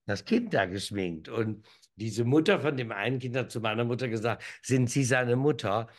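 A man in his fifties speaks at a moderate pace in a medium-pitched voice full of lively intonation. He's a co-host on a casual, comic video call from his home, captured by the webcam as he jokes, rambles and keeps restarting.

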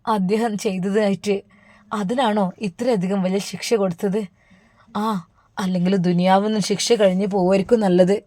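A woman with a Malappuram accent voicing a gentle, grieving young groom who speaks softly and quietly. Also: medium pitch, steady tone, normal speed, no echo, lightly acted. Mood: sorrowful. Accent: Malappuram Malayalam. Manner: soft, subdued, tearful.

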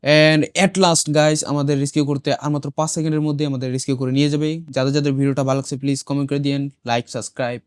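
Hoarse male gaming host, mid-pitched, chatty running commentary, dry close sound. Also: flat delivery, fast talker, few pauses, no echo. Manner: chatty, talks to viewers as he plays, mixing in English exclamations. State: hoarse from a cold. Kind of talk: casual gameplay commentary.

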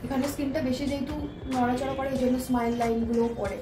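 Young Bengali-woman vlogger, high and quick, chatty, music bed underneath. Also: flat delivery. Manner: chatty, talks while doing her makeup. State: tired. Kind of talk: casual vlog chat.

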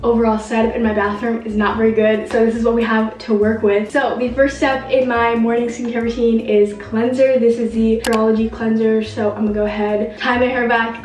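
A young woman with a groggy morning voice chats casually as she walks through her skincare, leaning on "like" as she talks. Her voice sits a little high but stays fairly flat. The camera sits back from her in an echoey bathroom, with soft music playing underneath. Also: recorded from a distance. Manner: chatty, filler-heavy with frequent "like". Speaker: beauty vlogger. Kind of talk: casual makeup tutorial chat. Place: small home bathroom. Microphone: camera on a shelf at a distance.

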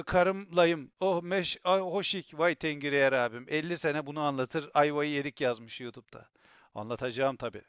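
Raspy high-voiced man streaming from home. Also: dry recording, lo-fi sound. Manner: grumbling, swings into loud excited shouting. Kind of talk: casual live-stream chat. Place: home room.

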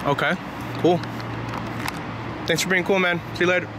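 A man's voice: sits high, fairly even intonation, moderate pace. A man narrating a casual handheld vlog as a citizen reporter, informal and inquisitive. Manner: informal, inquisitive, remarking on surroundings. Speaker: citizen video reporter, vlogger. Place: outdoors on city street and in public lobby. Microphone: handheld camera, held by speaker. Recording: noisy handheld outdoor recording, street traffic.

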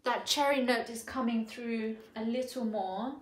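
In an echoey living room, a woman from Thailand reviews a perfume from her sofa, her voice fairly high. The talk is slow and musing, with lots of fillers and restarts, and a camera in front captures her at close range.

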